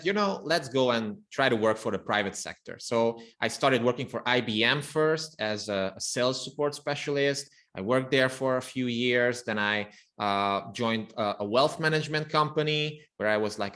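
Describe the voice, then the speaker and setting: Man, 30s, native Hungarian speaker, podcast guest, thoughtful, lots of restarts, medium pitch. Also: moderate pace, hardly any pauses, sharp tone. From Romania. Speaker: guest copywriter. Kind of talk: podcast interview.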